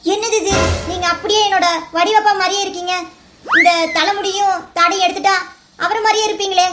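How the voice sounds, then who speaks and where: A woman's voice: extremely high pitch, steady tone, brisk, fairly bright tone, slight background noise. A woman voicing a timid young village girl in a cartoon serial, who asks pleading questions in a sing-song voice. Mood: curious. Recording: music bed under voice.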